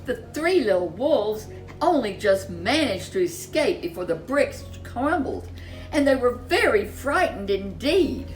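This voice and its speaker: Woman reading a kids storybook, slow n really animated, stretches out key words, bit of music. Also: fairly high pitch, low-quality recording. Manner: dramatic, drawn-out emphasis on key words. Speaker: storyteller, host. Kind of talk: expressive children's storybook narration.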